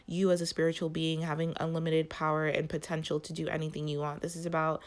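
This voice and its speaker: Her delivery completely flat, a tarot reader and channel host talks viewers through a reading in a voice nasal and stuffy from allergies and a bit low for a woman. She halts often, restarting and padding pauses with "like" as she searches for words.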